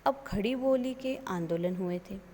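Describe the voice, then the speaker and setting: A woman lecturer teaching an online class, her words slow and deliberate. She works through one example after another in a measured way. Her voice rings with a long reverb, as if she is in a large bare room. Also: mid-range voice, mellow, slight background noise.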